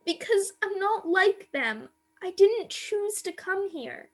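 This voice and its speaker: Radio play actress as frightened young servant girl, extremely high pitch, plaintive, naive, timid, sorrowful, video call recording. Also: lively intonation, slow, full character voice. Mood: timid, fearful. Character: timid, sorrowful young captive maid, innocent and fearful.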